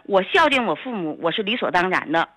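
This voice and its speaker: A woman's voice: lowish voice, big pitch swings, quick pace, fairly bright tone, no echo, rough recording. A woman, calling in to a radio show to complain, indignant and repeating herself. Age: 40s. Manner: indignant, talks over the host, repeats herself. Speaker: caller, a doctor. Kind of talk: phone-in complaint.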